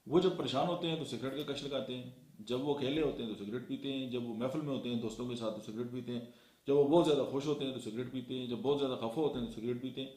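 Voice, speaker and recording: A man's voice: medium pitch, racing, a little mellow. Lecturing man in an echoey room. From Pakistan. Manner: lecturing, counts points off one by one with many fillers. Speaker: motivational speaker. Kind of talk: motivational talk.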